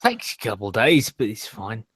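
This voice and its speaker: A man's voice: fairly low pitch, sing-song, normal speed, fairly bright tone, breathy edge, dry recording, clean studio sound. An American man as a guest in a casual online chat, blunt, teasing and swearing freely. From United States.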